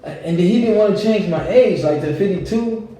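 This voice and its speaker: A man's voice: sits high, moderate pace. A young man, a guest and author, chatting casually and acting out the voices in his stories. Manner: animated storytelling, acts out quoted voices. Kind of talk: casual chat. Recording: echoey room, distant mic.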